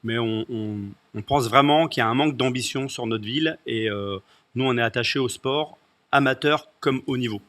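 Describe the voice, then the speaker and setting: A man's voice: medium pitch, moderate pace, fairly bright tone. A man who is a municipal candidate, speaking in a hesitant way and often repeating words. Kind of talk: political discussion.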